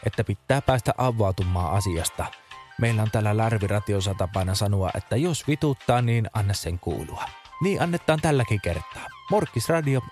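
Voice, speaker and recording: Deadpan man hosting comic radio. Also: mid-range voice. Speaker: radio show host.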